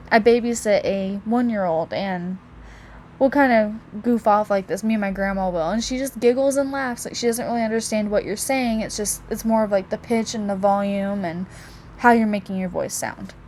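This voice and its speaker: Young female student, relaxed chatty delivery, middle pitch, faint room noise. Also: moderate pace. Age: young adult. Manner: casual, with many likes and restarts. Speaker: student presenter. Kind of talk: class presentation.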